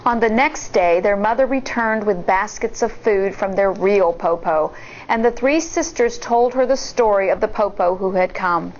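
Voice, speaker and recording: A woman with a medium-pitched voice reads a story to children, expressive and deliberate, breaking off to comment along the way. The sound is lo-fi, with a little hiss or hum.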